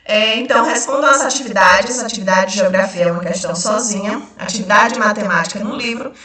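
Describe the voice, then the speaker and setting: A young adult Brazilian woman teaching a primary class, explaining patiently step by step and slowing down on key terms. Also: mid-range voice, bright, forceful tone. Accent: Brazilian Portuguese. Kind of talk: recorded remote class lesson. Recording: very echoey room, far from mic.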